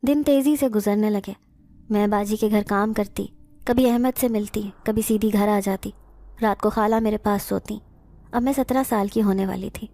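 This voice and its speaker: A woman narrating a first-person horror story in a steady storytelling manner. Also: mid-range voice.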